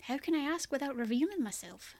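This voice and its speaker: A woman's voice: high voice, animated, brisk, a little mellow, pitched above the performer's own voice. A woman voicing a curious young woman. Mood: wondering. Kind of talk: audiobook character reading.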